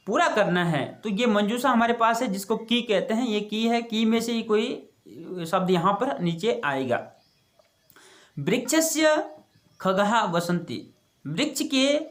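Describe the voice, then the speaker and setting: A teacher explaining a school textbook lesson. The teacher reads each line aloud, then explains it step by step, asking questions and answering them. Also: mid-range voice. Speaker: Sanskrit teacher.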